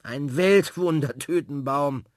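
A man's voice: on the high side, takes it slowly, no echo, studio quality, voice pushed up. A man voicing a doubting older neighbor woman who speaks in a teasing, disbelieving way. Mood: mocking.

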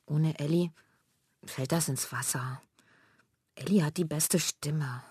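A woman's voice: deep voice, fairly even intonation, normal speed, fairly bright tone, no room sound, clean studio sound. Woman doing a haughty teenage big sister. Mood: sad. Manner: haughty, dismissive.

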